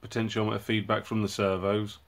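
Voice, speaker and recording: A man hosting his own hobby channel, casually walking through a project and explaining it in a relaxed way with frequent ums and uhs. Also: on the low side, brisk. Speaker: robotics hobbyist channel host.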